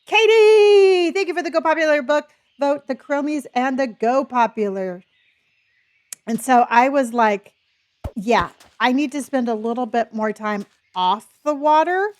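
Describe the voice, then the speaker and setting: This woman live streamer chats casually with her viewers while gaming, calling them honey. Her voice is high and unhurried, and a speech impediment keeps her from pronouncing her R's.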